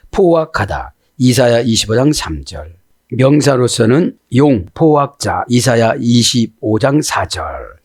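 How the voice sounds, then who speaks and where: A man's voice: mid-range voice, dry recording, clean studio sound. A man preaching as a pastor, explaining Hebrew scripture words and often checking in with listeners using short tag questions. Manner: slows down to spell out word grammar.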